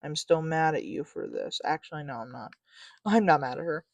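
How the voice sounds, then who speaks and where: A man's voice: fairly high pitch, moderate pace, gravelly, dry recording. A teenage boy hosting a podcast, telling a story casually in a rambling way, full of fillers and restarts, and often losing track of what he was saying. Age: teens. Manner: loses track mid-story. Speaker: podcast host.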